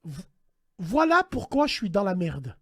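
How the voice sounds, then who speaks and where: A man hosting a casual call-in stream, animated and slangy, swinging between hushed dread and loud outbursts. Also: high voice, a little slow. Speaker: host. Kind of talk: casual livestream radio chat.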